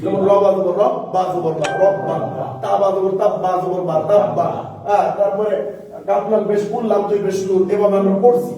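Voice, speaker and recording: A man leads a Quran reading lesson, breaking words down letter by letter and quizzing the class. His voice is high and mellow. He is recorded from a distance in a very echoey room. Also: steady tone, a little fast. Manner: explains step by step, asks the class questions. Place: mosque-side classroom.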